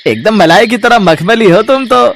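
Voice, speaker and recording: A man's voice: high-pitched, expressive, normal speed, gravelly, a bit bright, a little hiss or hum, exaggerated voice. A man playing a sleazy, leering milkman in a cartoon story, with an oily, mocking way of talking.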